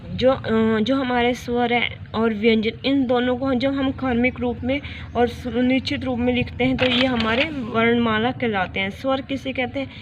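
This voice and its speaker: A woman teaching a grammar lesson for children, explaining slowly and repeating each question and example. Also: on the high side, fairly even intonation. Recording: dull lo-fi recording with clear noise.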